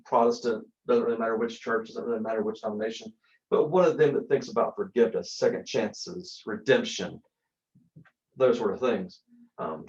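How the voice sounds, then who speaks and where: A man's voice: lowish voice, darkish tone, lo-fi sound. A man, a college instructor telling a story in a lecture, using rhetorical questions and dramatic repetition.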